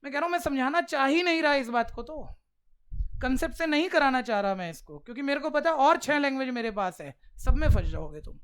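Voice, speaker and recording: A man teaching maths to a class, coaxing the pupils along with quick direct questions. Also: very high voice, lively intonation, fairly bright tone. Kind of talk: classroom lecture.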